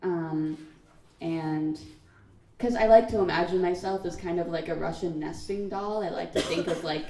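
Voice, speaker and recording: A teenage girl on a student writers' panel at a school book launch gives a reflective answer, pausing often with "um" and "like." Her lowish voice is gravelly and mellow, heard from far off the mic in an echoing hall.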